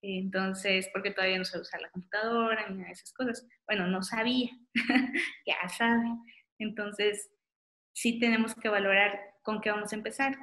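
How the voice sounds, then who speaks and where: A woman giving a webinar on low vision, talking in a friendly, informal way with many "este" fillers. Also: pushed and bright. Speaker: optometrist giving a webinar talk. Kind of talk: webinar lecture with audience questions.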